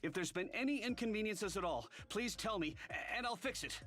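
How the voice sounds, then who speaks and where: A man's voice: sits high, animated, a little fast, fairly bright tone, soft background music. An actor playing a groveling, fanatical male platoon leader in a game, stammering with over-the-top reverence. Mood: awestruck groveling. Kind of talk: game voice acting.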